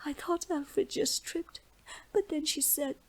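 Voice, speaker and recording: A woman voicing a terrified young girl who is crying, speaking high and breathy in whispered fragments. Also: takes it slowly. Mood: frightened sobbing.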